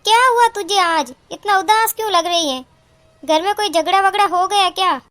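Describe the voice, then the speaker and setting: Woman playing a middle-aged cartoon mom, very high voice, doting, indignant. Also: normal speed, a bit bright. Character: middle-aged mother, fiercely protective of her daughter. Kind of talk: cartoon voice acting.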